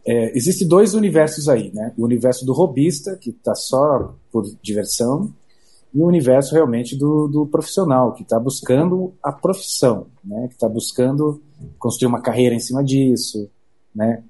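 A Brazilian man talks as an interview guest, explaining his trade casually. His voice is husky and very mellow, at a middling pitch, and he often restarts and adds little tag questions. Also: lively intonation. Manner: halting, frequent "né" tags and repeated words.

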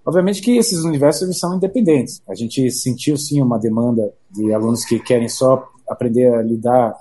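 A Brazilian man talks as an interview guest, explaining his trade casually. His voice is husky and very mellow, at a middling pitch, and he often restarts and adds little tag questions. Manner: halting, frequent "né" tags and repeated words.

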